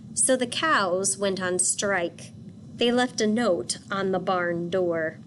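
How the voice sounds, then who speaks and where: A woman teacher reading a picture book aloud and pausing to ask children questions. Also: mid-range voice, fairly bright tone, a little hiss or hum. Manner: patient, asks questions for children.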